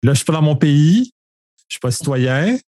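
A man's voice: on the high side, sing-song, moderate pace, mellow, no room sound, clean studio sound. A man in a casual discussion, thoughtful and searching for his words. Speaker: podcast co-host.

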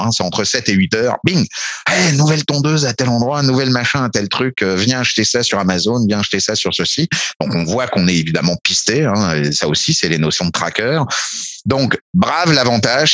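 A man's voice: lowish voice, fairly bright tone, dry recording. A man giving a casual spoken explanation as a tech speaker, hesitating often with fillers and restarts and dropping informal asides.

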